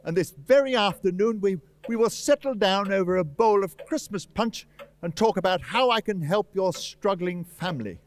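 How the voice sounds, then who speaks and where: A man's voice: high-pitched, lively intonation, moderate pace. A man playing Ebenezer Scrooge, a reformed old miser, eager and generous, in a radio play performed on stage. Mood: joyful, generous. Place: live performance in a church.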